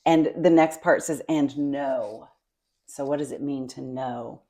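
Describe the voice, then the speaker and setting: Low-voiced lady on a faith podcast, soft and reflective, lots of ums and you knows. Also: a little slow. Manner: soft-spoken and reflective, with many fillers. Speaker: co-host.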